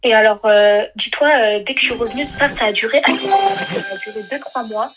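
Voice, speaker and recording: A woman's voice: on the high side, moderate pace, heavy background noise. A young woman calling in, telling a personal story in a rambling, hesitant way with many restarts. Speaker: caller. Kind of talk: emotional phone-in confession.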